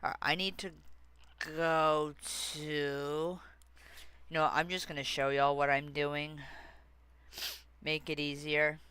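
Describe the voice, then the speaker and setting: Slow-talking rambling streamer, bright voice. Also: medium pitch, flat delivery, clear, resonant tone, dry recording. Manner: rambling and easily sidetracked; frequent fillers and restarts. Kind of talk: casual livestream chat.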